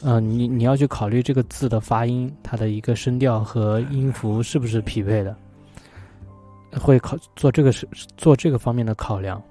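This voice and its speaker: A man talking on his own about poetry in a relaxed, thoughtful way, often pausing on fillers as he thinks aloud. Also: medium pitch, faint music behind. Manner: thoughtful, hesitant, many fillers. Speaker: vlogger. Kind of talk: casual solo talk about poetry.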